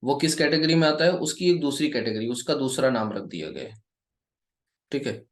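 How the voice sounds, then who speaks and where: This Arabic grammar lesson comes from a man whose first language is Urdu or Hindi, teaching at a board in an echoey room. His mid-range voice has a sing-song quality. He is slow and patient, answers his own questions to the viewer and repeatedly checks with "okay".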